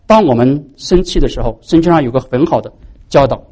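A man's voice: medium pitch, fairly quick, dark tone. A man preaching a sermon as pastor, posing rhetorical questions to the congregation.

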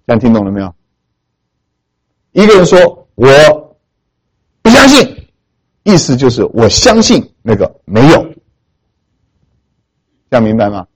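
A man from Hunan, China, preaching a sermon as he tells a story with animated emphasis, often turning to ask his listeners questions. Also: mid-range voice, unhurried, long pauses, slightly rough. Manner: animated, emphatic, keeps asking the audience questions.

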